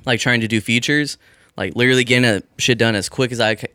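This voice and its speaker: A man's voice: medium pitch, fairly even intonation, quick pace, sharp tone, smooth, no echo, studio quality. A man chatting casually as a musician guest, candid, slangy and swearing freely. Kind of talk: casual chat.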